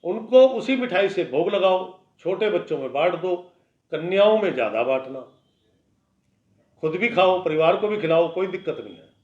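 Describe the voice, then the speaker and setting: This man has a high, expressive voice with a darkish tone, and he talks at a normal pace. Working as an astrologer, he delivers a daily horoscope bluntly, warning listeners in a conversational, lecturing style. The audio sounds dull and lo-fi, as if captured in an echoey room.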